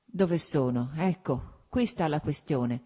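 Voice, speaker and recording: A woman's voice: sits low, slow pace, mellow. A woman voicing a scruffy, hungover young officer who jokes and teases in a mock-solemn way. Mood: playful teasing.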